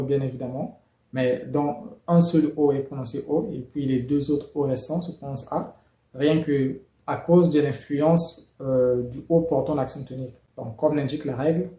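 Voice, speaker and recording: A man explaining pronunciation rules in a measured, methodical lesson, with occasional fillers. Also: mid-range voice, dark tone, echoey room. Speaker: language teacher.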